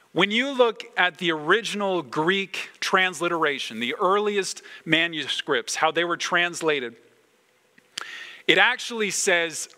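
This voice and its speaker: A man's voice: on the high side, sharp tone. Emphatic preaching man in a reverberant hall. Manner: earnest, emphatic preaching with dramatic pauses. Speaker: pastor. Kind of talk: sermon. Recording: long church reverb.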